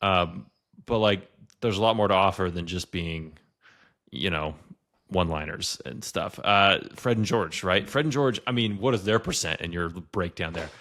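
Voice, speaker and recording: A man's voice: deep voice, moderate pace, fairly bright tone. A man co-hosting a podcast, chatting casually and rambling with lots of "like" fillers. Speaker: podcast co-host. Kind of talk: casual chat.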